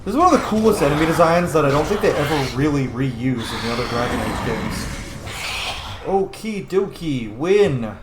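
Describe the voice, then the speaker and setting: On the high side and animated, this man talks at normal speed through a game playthrough, role-playing with in-character replies and occasional swearing in his casual, informal streamer commentary. Roomy echo and faint background noise mark the recording.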